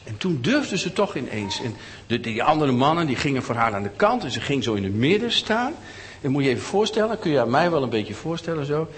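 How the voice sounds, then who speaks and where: A middle-aged man telling a story to children in an animated way, often asking them questions. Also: mid-range voice, fairly quick, in a large hall, a little hiss or hum. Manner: animated, asks listeners questions.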